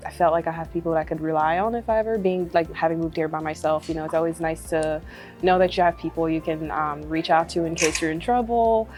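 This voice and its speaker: With a deep voice and a fast delivery, a woman in her twenties from Congo talks casually about being a medical student. The testimonial interview is full of fillers and frequent laughter. Faint music can be heard behind her.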